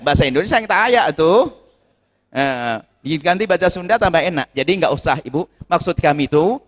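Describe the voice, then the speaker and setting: A man with a high-pitched voice leads a religious question-and-answer lecture, explaining points with emphasis and repeating the key words. His voice rings out with a long hall reverb, as if recorded at a large gathering. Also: fairly bright tone. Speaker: preacher answering audience questions.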